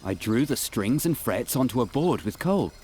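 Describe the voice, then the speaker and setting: A man's voice: mid-range voice, lively intonation, moderate pace, a little mellow, natural voice. A man voicing a wry, self-taught wandering fiddler in a fantasy game. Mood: reminiscing. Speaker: game character. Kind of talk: voiced video game dialogue.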